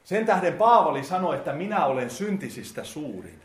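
A man preaching a sermon, talking directly to his listeners in casual speech and swinging between quiet and loud. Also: on the high side, big pitch swings. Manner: addresses listeners directly, colloquial. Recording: echoey hall.

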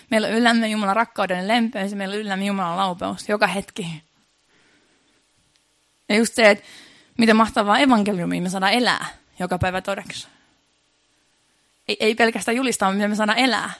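A woman's voice: medium pitch, no echo, studio quality. A woman preaching a sermon in an earnest, repetitive way, building emphasis as she goes.

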